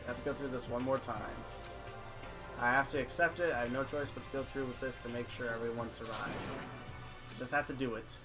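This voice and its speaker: Guy doing let's play, reads game text out and chats, normal pitch, bit of music behind. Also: fairly even intonation, fairly quick. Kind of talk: reading game text aloud and casual commentary.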